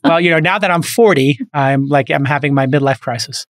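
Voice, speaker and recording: A man in his fifties hosting a podcast, telling stories in a quick, joking, boastful way in casual chat. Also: a little high, no room sound, studio quality. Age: 50s. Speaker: podcast host.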